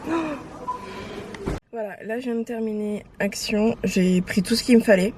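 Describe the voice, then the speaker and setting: A young woman vlogging casually from her phone while out and about, animated and outspoken, slipping between French and English. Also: mid-range voice, a little fast, a little hiss or hum. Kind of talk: casual vlog chat.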